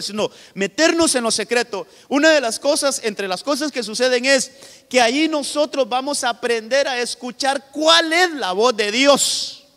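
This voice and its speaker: A man's voice: very high-pitched, a bit bright. A male pastor from Honduras preaching a sermon with emphatic delivery, often calling out to his listeners directly. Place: church hall. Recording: long hall reverb.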